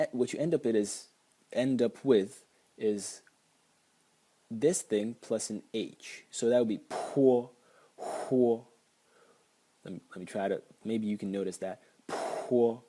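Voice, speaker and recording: A young man, a native Slovak speaker with a Slovak accent, talks in a mellow, medium-pitched voice. He's a language teacher explaining sounds in a casual lesson, hesitating often with lots of ums and restarts.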